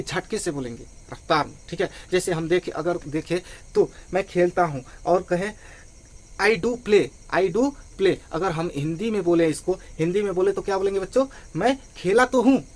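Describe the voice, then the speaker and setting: Male grammar teacher with a high voice who works through examples patiently, crickets faint in the background. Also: darkish tone. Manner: explains step by step, repeating phrases and adding "ठीक है". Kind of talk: online grammar lesson.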